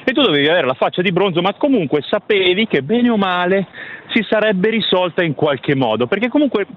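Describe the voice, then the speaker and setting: A man calling in to a radio show over the phone, chatting casually and telling lively anecdotes. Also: high voice, fairly quick. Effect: over the phone line. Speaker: caller. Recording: muffled phone line with faint background noise.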